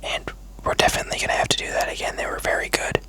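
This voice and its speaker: The voice is a steady whisper from start to finish, in the style of an ASMR food vlog. The host chats casually and takes their time, speaking close to the microphone. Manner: whispering throughout, unhurried, casual and chatty. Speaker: mukbang video host.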